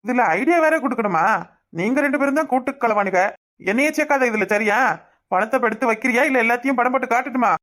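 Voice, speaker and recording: A woman's voice: fairly high pitch, fast, a bit bright, natural voice. Woman voicing a cocky young blackmailer. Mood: mocking. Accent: Kanyakumari Tamil. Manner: taunting, menacing. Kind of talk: cartoon voice acting.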